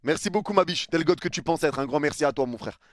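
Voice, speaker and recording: A man's voice: a little high, animated, fast talker, slight background noise. A young man streaming live, chatting casually in slang and thanking viewers for their subs. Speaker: streamer reacting to a video.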